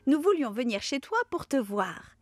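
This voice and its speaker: A woman voicing a cheerful, kindly grandmother rabbit in a storybook cartoon, with a warm chatty tone. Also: high-pitched, big pitch swings, moderate pace, faint music behind, pitched above the performer's own voice.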